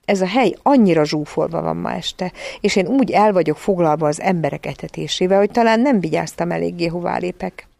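A woman's voice: fairly low pitch, vocal fry, few pauses, mellow, no echo. A woman doing a flustered, apologetic big lion. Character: huge, busy, apologetic lion.

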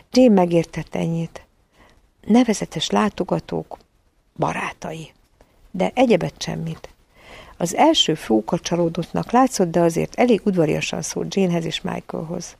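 A woman narrating a children's storybook in a calm, even reading voice. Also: fairly low pitch, gravelly, slightly rough, dry recording. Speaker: audiobook narrator.

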